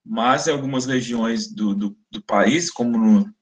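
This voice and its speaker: A man's voice: medium pitch, unhurried. A man from Brazil giving an academic webinar lecture, explaining in a conversational way, often checking in with the listeners and sounding out speech examples aloud.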